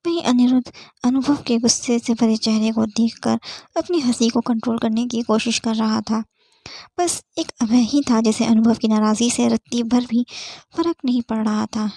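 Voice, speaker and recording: Lady reading her own romance story aloud, steady storytelling, highish voice. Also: moderate pace, dry recording. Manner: steady storytelling with small slips. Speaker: storyteller and author. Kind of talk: audiobook story narration.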